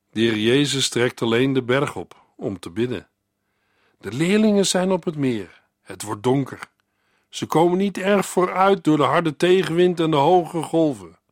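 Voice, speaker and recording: A man giving a measured, earnest Bible reading with devotional commentary, speaking directly to the listener. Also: fairly high pitch, no echo, studio quality. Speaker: radio Bible teacher.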